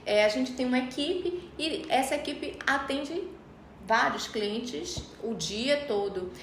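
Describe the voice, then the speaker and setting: High-voiced woman host, echoey room. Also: lively intonation, slow, a bit bright, a little hiss or hum. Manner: hesitant, with frequent fillers and restarts. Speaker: podcast host. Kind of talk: interview questions and conversational chat. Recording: roomy echo, off-mic, faint ambience.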